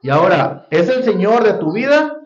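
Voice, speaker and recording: In a church hall, a man teaches a Sunday school Bible lesson to a congregation, often quizzing the class. His voice sits high and very animated at a normal pace. The recording is roomy, dull and lo-fi.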